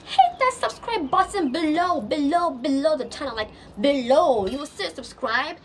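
A young woman with a Nigerian accent vlogs outdoors on a balcony above rooftops, chatting casually to camera to introduce herself. Her voice is high-pitched and expressive, at a moderate pace, with stammering and laughter along the way. Outdoor noise and street ambience fill the background.

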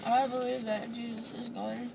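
A sedated young woman, groggy and loopy after anesthesia, rambling casually in an uninhibited, childlike, excitable way in a car. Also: a little high, normal speed, gravelly. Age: young adult. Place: back seat of a car. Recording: noisy car interior.

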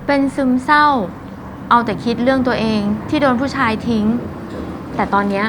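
A woman's voice: on the high side, moderate pace, noisy background, close to an everyday voice. An actress playing a hot-tempered young woman who was left by a man and now wants to help her mother, talking bluntly and putting herself down. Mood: wistful. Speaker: struggling shop owner's daughter. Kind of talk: short film drama. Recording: music score under dialogue.

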